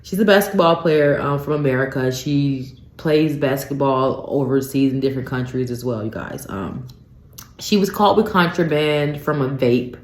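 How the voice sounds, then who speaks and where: A woman's voice: rumbling low, moderate pace, a little mellow. A woman hosting a solo radio talk show, ranting in disbelief and tossing in "you guys" and "um" as she talks. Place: radio studio. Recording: roomy, echoey studio sound.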